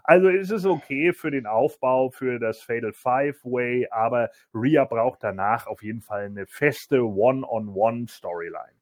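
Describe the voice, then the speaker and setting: A man's voice: medium pitch, unhurried, hardly any pauses. A man hosting a casual podcast, rambling through a recap with many fillers. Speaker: podcast host.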